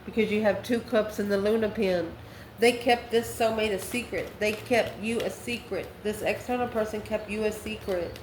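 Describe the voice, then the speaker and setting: Hosting her channel, a tarot reader with a medium-pitched voice improvises a reading for viewers, speaking casually in brief phrases as she reasons through every card out loud. Her tone stays steady and her pace moderate, while the room adds echo and faint noise hums beneath.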